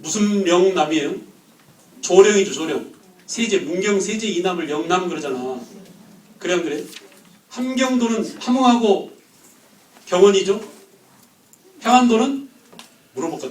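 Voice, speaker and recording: A man teaching a history class, firing quick questions at the students and joking with them. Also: sits high, echoey room, far from the mic, rough recording. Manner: quizzes the class with quick questions, jokes and laughs. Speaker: history lecturer.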